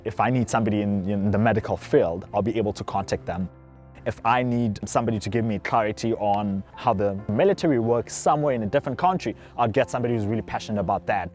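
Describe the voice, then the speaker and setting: A man's voice: lowish voice, fast talker. A man in his twenties with a South African accent, a student telling his story in an interview. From Johannesburg, South Africa. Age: 20s. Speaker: college student. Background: soft background guitar music.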